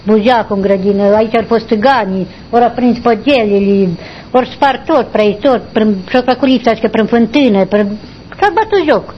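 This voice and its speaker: An older woman, recalling her past in a rambling, halting way during an interview. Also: on the high side, a little hiss or hum. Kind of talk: oral history recollection. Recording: dull lo-fi recording.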